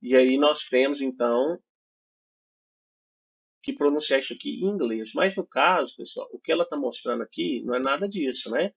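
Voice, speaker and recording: Brazilian teacher on a tinny line. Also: male voice, medium pitch, normal speed, vocal fry, slightly rough. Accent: Brazilian Portuguese. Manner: explanatory, checks in with frequent "certo?" and "né?". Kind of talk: recorded online class. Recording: tinny phone-like audio.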